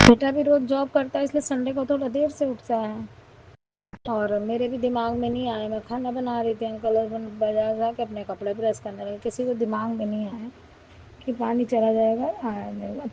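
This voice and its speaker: A woman's voice: on the high side, warm tone, dull audio, a little hiss or hum. A middle-aged woman telling a recorded testimony about her family, earnestly thanking her guru again and again. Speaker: devotee sharing a testimony.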